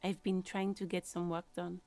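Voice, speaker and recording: A woman's voice: on the low side, flat delivery, normal speed, mellow, soft background music, lightly acted. An actress playing a polite, matter-of-fact woman gardener in a video game. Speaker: game character.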